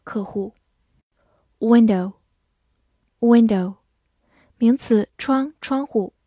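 A woman's voice: medium pitch, dark tone, dry recording. A woman teacher drilling English vocabulary, saying each word twice and then explaining its meaning.

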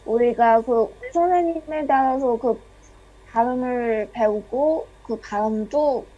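A woman's voice: on the high side, slow, mellow, slightly rough, lo-fi sound. A young woman from China speaking Korean with a Chinese accent as an interview guest, hesitant and self-deprecating in casual chat. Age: young adult.

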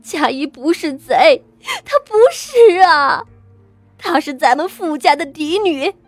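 A woman's voice: high voice, expressive, takes it slowly, dry recording, faint music behind, voice pushed up. A woman voicing a desperate, tearful wife. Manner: pleading, rising to sobs. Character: desperate wronged wife and mother, pleading.

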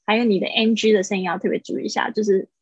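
A woman teaching English pronunciation on a livestream, explaining patiently and repeating words slowly for her students. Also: medium pitch, steady tone, breathy edge, no room sound, dull audio.

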